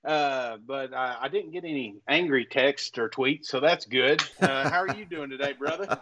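A man's voice: mid-range voice, measured pace, crowd noise. A man chatting casually as a podcast co-host, sounding hungover, laid-back and chummy. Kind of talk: casual chat. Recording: dull lo-fi voice track.

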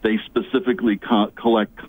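A man's voice: fairly low pitch, little pitch movement, brisk, darkish tone. A man calling in to a radio interview, chatting in a rambling way, his phone line breaking up and cutting in and out. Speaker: phone-in guest, comic book collector.

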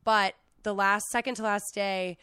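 Casting: American woman around thirty, sick hoarse voice, animated casual storyteller, close dry sound. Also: mid-range voice, a little slow, no echo. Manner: animated storytelling with many fillers of "like". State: sick, hoarse, losing her voice. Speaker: podcast host. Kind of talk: casual chat, telling a travel anecdote.

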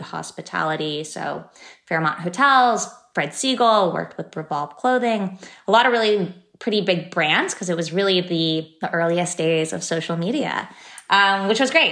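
Speaking as a guest on a podcast, this startup founder, a woman in her thirties from San Francisco, recounts her journey with upbeat chatter and plenty of fillers. Her lowish voice is a bit bright, and the space sounds echoey.

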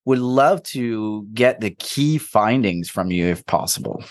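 A man's voice: fairly low pitch, lively intonation, unhurried, no echo. A man co-hosting an interview podcast, asking questions in a casual, friendly way. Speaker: podcast co-host.

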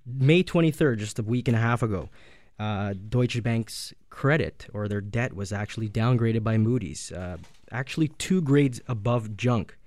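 A man's voice: mid-range voice, moderate pace, a little mellow, dry recording. A man co-hosting a finance radio show, earnestly reading out news reports and weighing in on them. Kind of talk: casual radio talk on finance.

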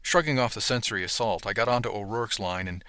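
A man narrating a first-person audiobook in an earnest, steady storytelling manner, close to the mic. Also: lowish voice, quick pace, no room sound.

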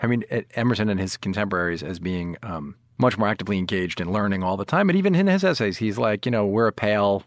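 A man's voice: fairly low pitch, expressive, fast, few pauses, no room sound, clean studio sound. A man interviewing in a casual, emphatic way, often repeating words and restarting his phrases as he cuts in. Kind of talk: casual conversational interview about writing.

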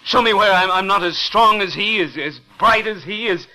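An actor playing a nervous young ex-soldier who stammers, pleads and narrates in halting 1940s radio acting, on an old broadcast. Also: male voice, sits high, pushed and bright. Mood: anguished. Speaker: narrator and lead of a radio drama.

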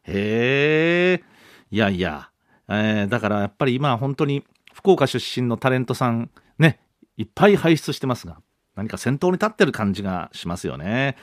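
Man in his fifties, radio host; animated, swooping delivery, dry close studio sound. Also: medium pitch, moderate pace, no echo. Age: 50s. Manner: chatty, polite and rambling. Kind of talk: casual radio chat reading listener mail.

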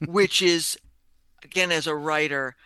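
Bright, animated woman professor. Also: low-pitched, smooth, no echo. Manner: animated, admiring, slows for emphasis. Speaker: professor of English literature, guest. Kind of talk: enthusiastic literary analysis.

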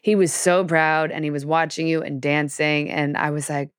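A woman guest speaks passionately on a podcast, telling lively anecdotes. Her voice sits very low, and the recording is dry and close. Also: moderate pace, clean tone, no echo. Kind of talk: podcast conversation.

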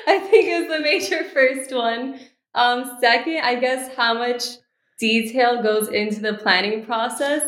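Speaking slowly with a fairly bright, high-leaning voice, this American guest sounds positive and well-spoken in an echoey room. She's a Miami law student in her twenties who is about to be married, chatting in a relaxed podcast interview.

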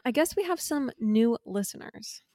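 A woman co-hosting a podcast in casual chat, talking eagerly and pitching products with enthusiasm. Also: expressive, normal speed, mellow, dry recording, clean studio sound. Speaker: podcast co-host.

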